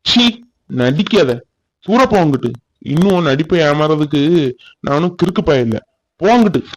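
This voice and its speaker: A man voicing a gruff young village man. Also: fairly high pitch, expressive, moderate pace, no room sound, poor audio. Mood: scornful. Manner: gruff, scornful. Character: young uneducated village man, jealous then remorseful. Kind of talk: cartoon drama.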